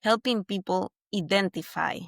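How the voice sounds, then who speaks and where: A Venezuelan woman appears as a mindset coach guest in an interview conversation, earnest and reflective, often restarting her sentences. Her mid-range voice has vocal fry and a normal speed, with no room sound.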